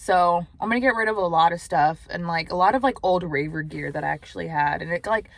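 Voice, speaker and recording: A young woman, a mukbang vlogger, eats in a parked car while chatting casually and with profanity, often sinking to a near whisper. Her voice is fairly low with vocal fry, and she talks fairly quickly.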